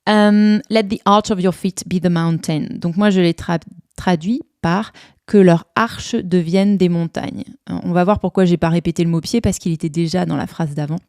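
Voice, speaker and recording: A woman's voice: on the low side, fairly even intonation, normal speed, darkish tone, no room sound, clean studio sound. A woman hosting a podcast lesson, patiently explaining an English poem word by word and asking the listener questions. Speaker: language teacher and podcast host.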